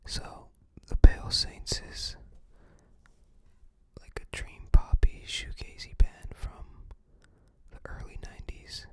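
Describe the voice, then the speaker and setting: In a gentle, airy whisper, someone making an ASMR video shows off objects, speaking haltingly and without hurry.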